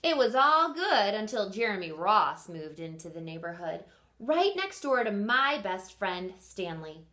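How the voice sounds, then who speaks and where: With a mid-range voice, a woman teacher and host performs a lively storybook reading for young children. Every so often she stops to ask the audience something.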